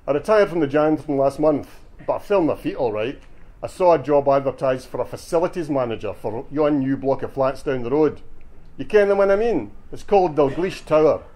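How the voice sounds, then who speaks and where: A man's voice: a little high, expressive, fairly quick, mellow, voice pushed up. A man voicing a stocky, cheeky retired Glaswegian man with a broad dialect, telling a boastful story at a bookshop reading. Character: cheeky stocky older Glasgow man, joker. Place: bookshop event.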